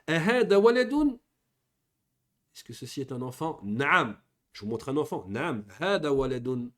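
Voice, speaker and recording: A man's voice: on the high side, big pitch swings, a little slow, a bit bright. A man giving a beginners' lesson, reading Arabic words aloud and patiently explaining each one in French. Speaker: Arabic teacher. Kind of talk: classroom lesson explaining grammar.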